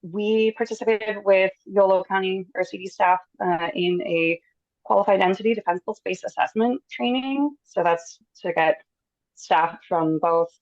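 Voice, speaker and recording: A woman's voice: medium pitch, dry recording. Woman on a spotty, breaking-up video call. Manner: businesslike, with frequent "um" pauses. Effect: spotty, breaking-up video call connection. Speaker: conservation district staff giving an update. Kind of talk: meeting update over a video call. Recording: dry, muffled video call audio.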